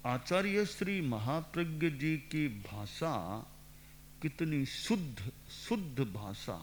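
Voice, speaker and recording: A man in his sixties, a monk giving a measured, didactic sermon into a microphone and repeating phrases for emphasis. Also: a little high, expressive, a little hiss or hum. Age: 60s. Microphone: speaking into a microphone.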